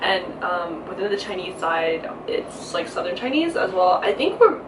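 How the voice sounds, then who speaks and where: A woman's voice: fairly low pitch, normal speed. Young woman, easy chatty way of talking, roomy distant sound with hiss behind. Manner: relaxed, says "um" and "like" often. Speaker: guest. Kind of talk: casual chat. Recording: echoey room, mic at a distance, background hiss.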